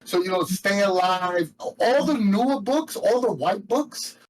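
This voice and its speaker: A man's voice: high-pitched, lively intonation, unhurried, poor audio. A man from New York with a New York accent, co-hosting a casual chat and speaking in an opinionated, outspoken way. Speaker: co-host.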